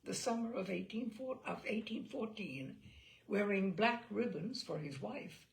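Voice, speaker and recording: A woman audiobook narrator reads a literary novel with an expressive, measured storytelling style and deliberate pauses. Her medium-pitched voice carries some vocal fry, and the audio quality is poor.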